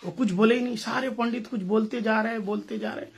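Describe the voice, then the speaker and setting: A man with a high voice gives a storytelling sermon to a gathering. He speaks playfully, acts out the characters' lines and keeps putting questions to his listeners. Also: fairly even intonation, a little fast, slightly rough. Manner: playful, acts out dialogue, asks audience questions. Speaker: spiritual teacher.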